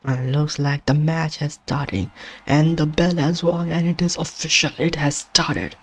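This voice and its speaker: A man doing play-by-play commentary on a wrestling video game, excitable and exclaiming at surprises, his voice strained and going hoarse. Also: fairly high pitch, unhurried. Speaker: gaming channel host doing commentary.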